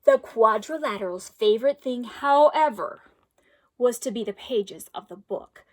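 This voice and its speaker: In a high-ish, animated voice, a woman reads a children's storybook expressively, phrasing things deliberately and emphatically like a teacher addressing pupils. The recording quality is low.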